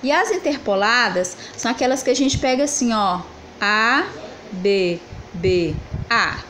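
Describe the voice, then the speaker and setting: Lady teacher going over answers, highish voice, counts out loud, background noise. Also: animated, normal speed, poor audio. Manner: asks the class questions and answers them herself, counts syllables aloud. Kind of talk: explanatory lesson, correcting exercises.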